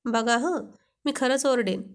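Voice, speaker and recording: A woman's voice: a little high, unhurried. A woman voicing a shy young wife who flares up and gets flustered at her husband's teasing. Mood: pleading. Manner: coy, flustered.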